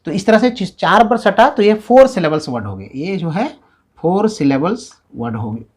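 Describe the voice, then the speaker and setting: A man teaching a grammar lesson step by step. He sounds out syllables slowly and keeps checking in with the class. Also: high-pitched, sing-song, a little mellow. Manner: explains step by step, often checks in with "है ना" and "ठीक है". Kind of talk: classroom-style video lesson.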